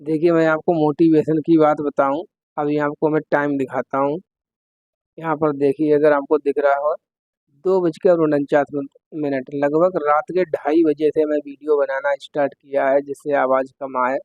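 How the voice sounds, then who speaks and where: A man's voice: fairly high pitch, little pitch movement, moderate pace, a little mellow, dry recording, muffled recording. Hindi teacher man, close and dry. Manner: explains step by step, asks the listener questions. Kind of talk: exam-prep lesson going through quiz questions.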